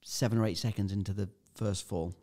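A man's voice: on the low side, fairly even intonation, fairly quick, warm tone. A man, a podcast guest, telling a vivid anecdote in casual chat and swearing freely. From United Kingdom.

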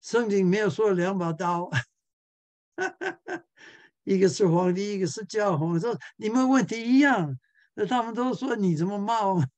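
A man's voice: high-pitched, normal speed, long pauses, darkish tone, no echo. A male pastor giving a church Bible class lecture, chuckling often and repeating words as he searches for the next one.

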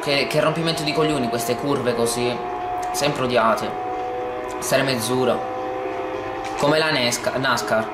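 A man commentating his racing game let's play, excitable and swearing often, talking over the game sounds. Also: mid-range voice, measured pace, pauses often. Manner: says he talks oddly when excited on video. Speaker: gameplay video host. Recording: echoey room with loud game music.

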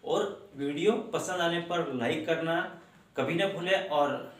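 Man, 30s, job channel host, earnest, scolding, repetitive, slightly high pitch, echoey room. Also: slow pace. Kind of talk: direct-to-camera talk. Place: small room at home, indoors. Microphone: lapel mic.

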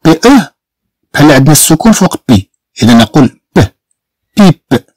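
A man with a Moroccan Arabic accent teaching a beginner language lesson, slowly repeating each word several times to drill pronunciation. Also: on the high side, big pitch swings, a little mellow, dry recording. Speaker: French teacher.

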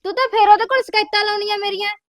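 An actress with a Punjabi accent playing a domineering, quick-tempered elder sister who scolds her brother's wife. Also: extremely high pitch, fairly even intonation, a bit bright, no room sound, studio quality. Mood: scolding. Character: domineering, sharp-tongued elder sister of the husband. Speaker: actor in a family web drama.

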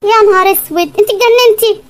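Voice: extremely high pitch, steady tone, fast talker. A performer voicing an exasperated young man in an Egyptian cartoon sketch, speaking with an Egyptian accent and grumbling sarcastically. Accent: Egyptian Arabic. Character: exasperated young man, put-upon fiancé. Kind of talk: animated comedy sketch.

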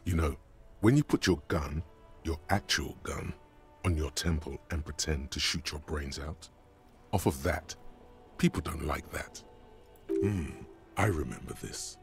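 An extremely deep brooding inner voice. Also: male voice, a little slow, creaky, pauses often, music in the background, heavily acted. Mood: wry, sardonic. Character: deep brooding inner voice of a detective's mind, sardonic. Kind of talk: scripted game narration.

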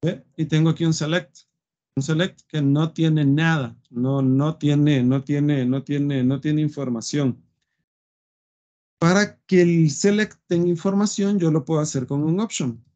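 A man's voice: a little high, fairly even intonation, unhurried, dark tone. A man teaching a live web design coding lesson, thinking aloud with fillers and often checking "¿sí?" with his students. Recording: dull lo-fi screen recording.

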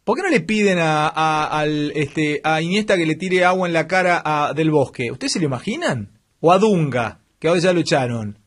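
A man's voice: on the high side, expressive, moderate pace. A worn-out man with an Argentine accent, hosting a radio show, ranting bluntly and fierily in a heated football debate. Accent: Argentine Spanish. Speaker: radio host.

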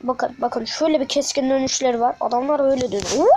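A woman talking through a mobile game in casual commentary, chatty and excitable, addressing viewers as friends with frequent exclamations. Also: high voice, fast, slight background noise. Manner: speaks directly to viewers as friends. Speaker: gaming channel host.

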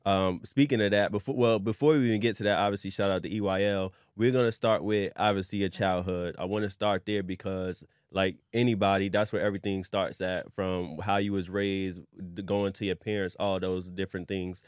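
A man hosting a podcast interview in a relaxed, conversational way, with frequent affirmations. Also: low voice, brisk, few pauses, smooth, dry recording, studio quality. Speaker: podcast host.

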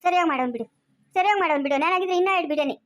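A woman's voice: very high-pitched, rapid-fire. A woman playing a village woman of the house in a family skit, speaking with a rural Chikkaballapur Kannada accent. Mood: soothing.

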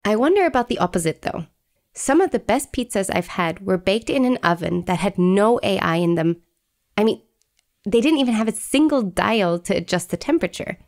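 A woman's voice: mid-range voice, lively intonation, fairly quick, a little mellow. A woman hosting a podcast, chatting in a playful, casual way. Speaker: podcast host.

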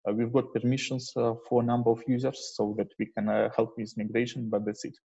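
Over a muffled, dull online call picked up by a video call microphone, a man with a husky, warm, mid-range voice presents slides to a developer meetup. He speaks haltingly and informally, with little pitch movement.

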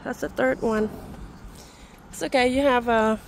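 Fishing by a river after dark, a vlogger chats casually to her viewers and laughs a lot. She is a native Vietnamese speaker with a Vietnamese accent, and her slightly high voice keeps a steady tone at a measured pace. The audio is poor, with a little background noise.

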